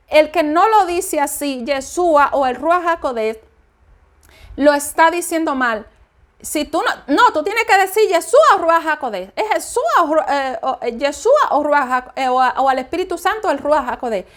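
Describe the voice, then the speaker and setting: A woman preaching an informal spoken sermon, emphatic and repeating each point several times. She speaks her native Spanish. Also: sits high.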